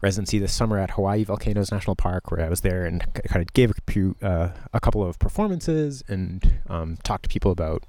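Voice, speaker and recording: A man's voice: sits low, quick pace, few pauses, warm tone, dry recording. A man, a musician guest, giving thoughtful, meandering answers in an interview conversation. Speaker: musician guest, artist in residence.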